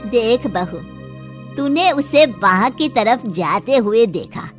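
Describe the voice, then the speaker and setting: A woman voicing a calm, patient elderly mother-in-law in a cartoon, gently scolding. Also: fairly high pitch, slow, faint music behind. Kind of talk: cartoon voice acting.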